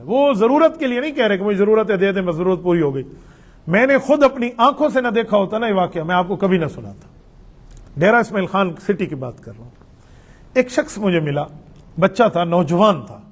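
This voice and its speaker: A middle-aged man, a mufti, answering religious questions in a patient, conversational way, weaving in personal anecdotes. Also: high-pitched. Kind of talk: religious Q&A with storytelling.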